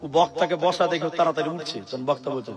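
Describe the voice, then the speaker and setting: A man's voice: fairly high pitch, fast talker. A man with an Assamese Bengali accent preaching a sermon from a stage mic, fervent and rhetorical, chanting verses and joking with the audience. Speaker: Islamic preacher at a night religious gathering. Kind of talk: Bengali waz sermon with storytelling. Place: outdoor stage at a large night gathering. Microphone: stage microphone. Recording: loud crowd around a stage PA. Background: crowd of listeners.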